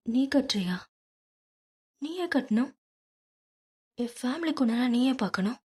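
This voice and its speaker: A woman's voice: on the high side, expressive, a little slow, a little mellow, breathy edge, pitched above the performer's own voice. A woman voicing a proud, self-respecting young woman in an audiobook, speaking sharply and indignantly. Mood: indignant, hurt. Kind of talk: audiobook character reading.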